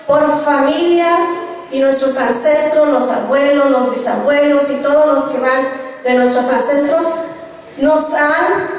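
A woman with a Mexican accent preaching a sermon, putting rhetorical questions to her congregation. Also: high-pitched. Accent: Mexican Spanish. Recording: distant echoey hall recording.

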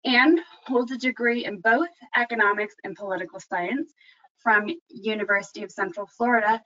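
A woman moderating a webinar, reading scripted announcements and a speaker introduction in a smooth, even way. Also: fairly high pitch, far from the mic, highs cut off.

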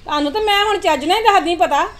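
A woman acting a sharp-tongued older mother-in-law in a family skit, scolding and nagging. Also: very high voice, racing, echoey room. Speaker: actor in a family comedy skit.

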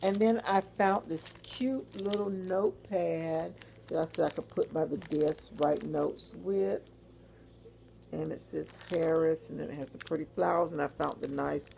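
A woman talks through her shopping finds in a loose, rambling chat. Her voice sits low and carries a gravelly fry. Faint noise hums under her home phone recording. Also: fairly even intonation, unhurried, dark tone. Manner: chatty, rambling, informal with fillers and asides. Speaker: vlogger. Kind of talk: casual haul video chat. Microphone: phone or webcam.

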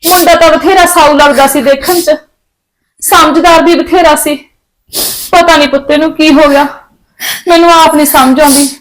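Really high-pitched middle-aged lady, soft soothing motherly talk. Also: steady tone, moderate pace, long pauses, low-quality recording. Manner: soothing, pleading, tearful at times. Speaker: actor playing a worried mother. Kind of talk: family short film acting.

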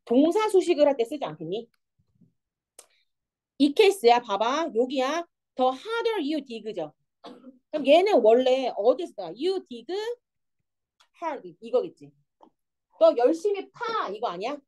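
A woman's voice: high-pitched, takes it slowly, pauses often. A young woman teaching an English grammar lesson, explaining step by step and often checking whether the students follow. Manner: lively, keeps checking understanding with students.

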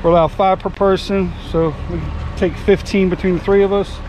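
A fishing channel host and charter captain vlogs from his open boat on the water, chatting casually to viewers in a folksy, upbeat way and calling them y'all. His voice is high, with little pitch movement, at a moderate pace. An action camera on the boat records him outdoors, picking up engine and water noise.

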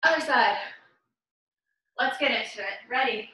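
A woman's voice: fairly high pitch, a little slow, sharp tone. A young woman leading a home workout as an urgent, encouraging gym coach, calling short repeated commands and counts while exerting herself. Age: young adult. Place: living room, indoors. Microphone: camera a few metres away. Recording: very echoey room, distant microphone.

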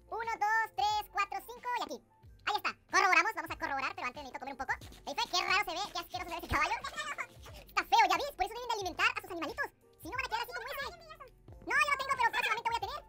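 A man with a Mexican Spanish accent talking through his gameplay in a chatty way, his voice sped up like fast-forwarded tape into a chipmunk sound. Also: extremely high pitch, lively intonation, bright, forceful tone, faint music behind, voice pushed up, full character voice. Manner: chatty, counts blocks aloud to himself. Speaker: gaming video host. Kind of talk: casual gameplay commentary.

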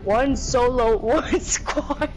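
Female gamer, slightly high voice, casual party chat, game music behind. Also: extremely slow, rough recording. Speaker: video game player.

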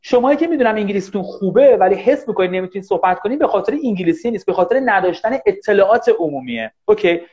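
A man teaching English in a casual live online class, talking fast and animated and often thanking viewers. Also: high-pitched, vocal fry. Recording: dull lo-fi livestream audio.

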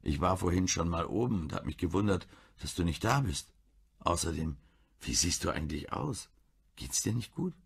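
A man voicing a caring woman, a doctor and wife, who speaks gently and pleadingly. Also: deep voice, animated, normal speed, gravelly, breathy edge, heavily acted.

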